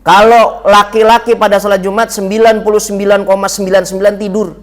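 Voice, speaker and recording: High-voiced joking preacher in a reverberant mosque. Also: male voice, fast talker. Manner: joking, teasing the audience, animated storytelling. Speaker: ustadz giving a mosque lecture. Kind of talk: sermon. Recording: long reverb of a mosque hall.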